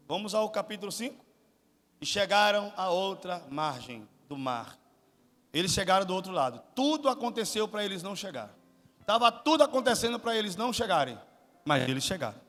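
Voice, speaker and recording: A high-pitched man delivers a sermon in a church hall, his tone bright and sharp. He questions the congregation and swells to shouts. Long reverb and faint music linger behind him. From Salvador, Brazil. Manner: asks the congregation questions, builds to shouted climaxes. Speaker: guest pastor.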